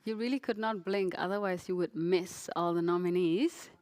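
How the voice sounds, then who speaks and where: A woman hosting an awards presentation, speaking in a formal, measured announcing manner. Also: on the low side, darkish tone, no echo. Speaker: awards show host.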